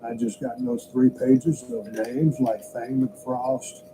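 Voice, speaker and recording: A man's voice: mid-range voice, little pitch movement, takes it slowly. A man in a documentary interview telling the story of his own career in a blunt, salty, casual way. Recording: noisy background hiss.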